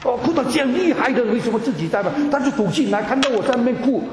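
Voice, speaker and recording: A church member, a man, gives an emotional personal testimony to a congregation, often stammering, repeating words, and slipping in English ones. His voice is extremely high with lively intonation and a rapid-fire delivery. Background noise and the long reverb of an echoey hall fill the recording.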